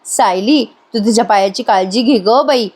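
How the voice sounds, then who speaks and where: A woman's voice: fairly high pitch, moderate pace, a little mellow, lightly acted. A woman voicing a scheming young woman who speaks in a sweet, put-on way. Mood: fake-sweet.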